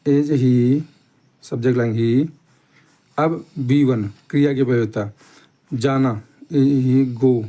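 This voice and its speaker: The teacher here is a man whose voice is medium-pitched and dark. He breaks a grammar lesson into steps, restates every point slowly, and repeatedly checks with the class using "theek hai."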